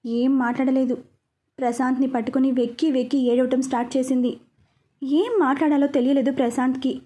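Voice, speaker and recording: A woman narrating a romantic story in a calm, even storytelling manner. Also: high-pitched, fairly quick. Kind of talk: scripted narration.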